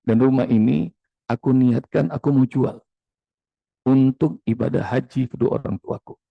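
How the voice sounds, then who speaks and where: Earnest wronged divorcée, voiced by a male preacher with a gravelly tone. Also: mid-range voice, moderate pace, dry recording, dull audio. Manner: earnest, told in first person. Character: wronged divorced woman pleading her case.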